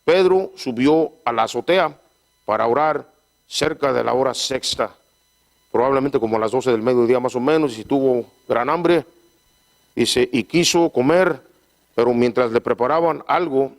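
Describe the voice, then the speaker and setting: A man's voice: medium pitch, gravelly. A man preaching a sermon who keeps asking his congregation for agreement and stumbles and repeats words as he reads scripture aloud. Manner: call-and-response, frequent "¿verdad?"; halting, repeats words while reading scripture. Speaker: pastor.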